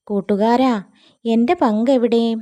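A woman's voice: fairly high pitch, slow, mellow. A woman doing a plaintive hungry little myna bird. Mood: reproachful. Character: small hungry female myna bird, pleading.

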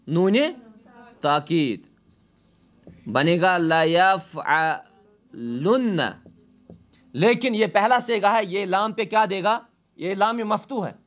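A man teaching a grammar lesson in a classroom, asking his class questions and answering them himself, saying each Arabic example slowly and then translating it. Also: high-pitched, fairly bright tone.

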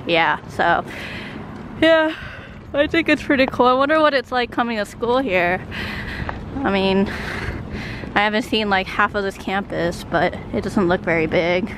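A woman's voice: mid-range voice, moderate pace, background noise. A woman in her twenties, a nursing student, chatting casually to camera in a vlog, full of "like" and "um". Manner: chatty, filler-heavy, uses "like" a lot.

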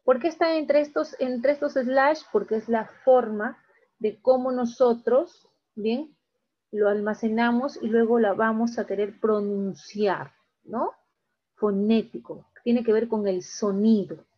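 In this recorded class, a woman with a slightly high voice works through the material slowly, step by step, pausing frequently to check on her students. The highs are cut off.

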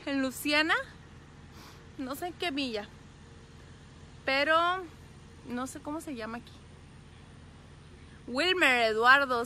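A woman talks into her phone outdoors by a highway, her voice high and bright. She chats warmly and easily, greeting viewers one after another, with a faint hum of background noise behind her. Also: poor audio. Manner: chatty, reads out and greets viewers by name, laughs often. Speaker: truck driver vlogger. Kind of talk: casual live-stream chat with viewers. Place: outdoors at a highway rest area. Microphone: phone held at arm's length.

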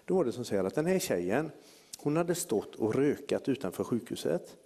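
A man's voice: mid-range voice, in a large hall. A man preaching, telling a story in a sermon and acting out the people in it. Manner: lively anecdotal preaching with acted-out quotes.

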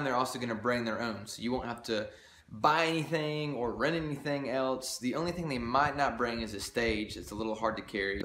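Man presenter, upbeat and chatty, mid pitch, echoey room with light background noise. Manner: upbeat, lively emphasis, conversational asides. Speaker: DJ company presenter. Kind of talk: scripted advice video.

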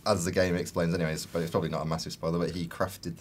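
Deep, fast-talking podcast co-host man. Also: little pitch movement. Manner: rambling explanations, quick talker. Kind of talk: casual chat.

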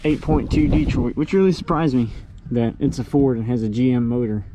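A man's voice: mid-range voice, brisk, noisy background. A young man talking casually through his farm work, rambling as he goes. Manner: relaxed, rambling, talks while working. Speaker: farm vlogger. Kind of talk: casual first-person workshop vlog. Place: outdoors on a farm and in a workshop.

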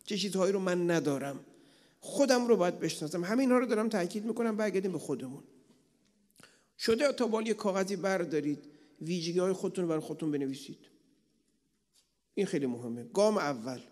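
Guy cleric lecturing, voice sits pretty high, lots of rhetorical questions, long echo from a big hall. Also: animated, pauses often, darkish tone. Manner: rhetorical questions, plain everyday examples. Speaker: cleric lecturing at a religious retreat. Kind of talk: conversational religious lecture. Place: large prayer hall of an Islamic center.

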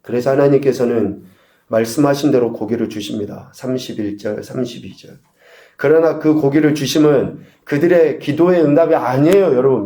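A male pastor preaching a sermon, asking the congregation rhetorical questions and swinging between loud emphasis and quiet asides. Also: fairly high pitch, reverberant. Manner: preaching with rhetorical questions and sudden shifts in volume. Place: church sanctuary.

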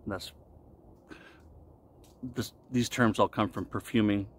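Out in a wooded clearing with some ambient noise around him, a low-voiced man shaves while casually explaining things to the camera. He's a vlogger reviewing shaving products, and his phrasing is deliberate and halting, with fairly even intonation.

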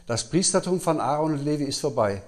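A man's voice: on the high side, animated, brisk, a little mellow. A man giving a Bible teaching at a conference, putting questions to his audience, answering them himself and often tagging "ja?". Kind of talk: sermon-style Bible teaching. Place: conference hall.

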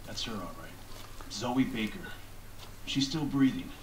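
A man's voice: medium pitch, animated, a little slow, reverberant, slight background noise, lightly acted. An actor playing a tense male soldier who gives blunt orders and swears heavily. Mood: urgent. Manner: clipped, urgent orders, heavy swearing.

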